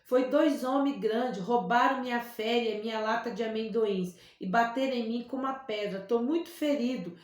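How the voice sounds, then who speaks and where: A wounded street boy, played by a woman narrator, murmuring weakly as he struggles for every word. His voice sits fairly high and soft. It echoes strongly around the room. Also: normal speed, few pauses, natural voice. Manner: weak murmuring, struggling to speak. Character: badly hurt street boy, weak and murmuring.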